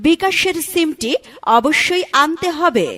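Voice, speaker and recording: Bangladeshi lady voice actor doing a shop ad, really high voice, coaxing and upbeat promo style. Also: lively intonation, measured pace, fairly bright tone, full character voice. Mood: promotional. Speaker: advertisement voice artist. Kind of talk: scripted promotional announcement for a shop.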